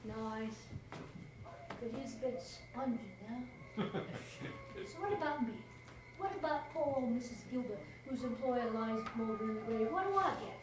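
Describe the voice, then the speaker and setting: Cheeky charwoman, high voice, chatty, laughing, distant echoey stage recording, faint hiss. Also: expressive, measured pace, pauses often. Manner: chatty, laughs often, talks to a silent listener. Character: chatty middle-aged charwoman, cheeky and irreverent.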